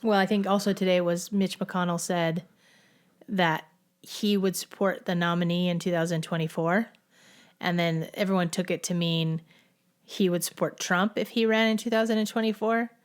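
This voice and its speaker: A woman's voice: lowish voice, steady tone, moderate pace, smooth. A middle-aged woman co-hosting a podcast in casual chat, talking in a chatty, rambling way. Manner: chatty, rambling, with frequent restarts. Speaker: podcast co-host.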